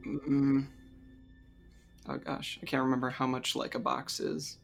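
A man's voice: medium pitch, little pitch movement, unhurried, vocal fry, soft background music. A man playing a tabletop game, speaking hesitantly with many fillers. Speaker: player.

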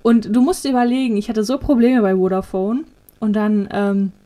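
A young woman co-hosting a casual podcast chat, telling stories in lively colloquial talk and acting out the people she quotes. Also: mid-range voice, normal speed. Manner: animated storytelling, acting out quoted voices; colloquial, frequent "ne?" tags. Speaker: podcast co-host.

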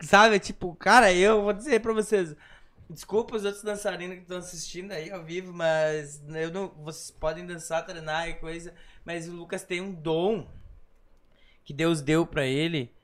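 A man's voice: sits high, fairly even intonation, normal speed, a bit bright. A man hosting a podcast, effusive in casual chat and often repeating himself. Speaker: podcast host.

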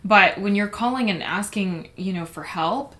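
A woman's voice: mid-range voice, normal speed, fairly bright tone. A woman co-hosting a casual faith discussion podcast, talking earnestly and emphatically with frequent fillers. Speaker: podcast co-host.

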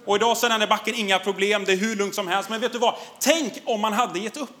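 A man in his thirties, a pastor giving a sermon before a congregation, telling a personal story in an animated way and often laughing. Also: high voice.

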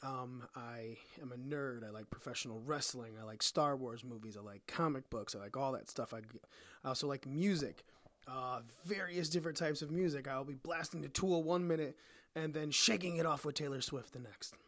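A man's voice: mid-range voice, normal speed, fairly bright tone. A young adult man hosting his own podcast, ranting bluntly and profanely, a little sick. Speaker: podcast host. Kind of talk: casual monologue rant.

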